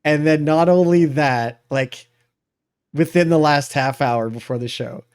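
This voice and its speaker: Host, male, smooth resonant voice, relaxed, quick to laugh. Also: a little high. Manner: chuckles often, relaxed. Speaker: podcast host. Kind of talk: casual interview chat.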